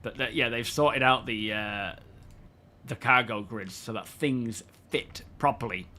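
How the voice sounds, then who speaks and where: A man's voice: mid-range voice, pushed and bright, slight background noise. Chatty man live-streaming a game. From United Kingdom. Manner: rambling, greets chat viewers by name. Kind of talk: casual chat while playing a game.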